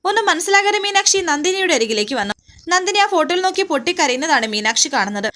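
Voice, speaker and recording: A woman narrating an emotional story with a dramatic, expressive delivery. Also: extremely high pitch, racing.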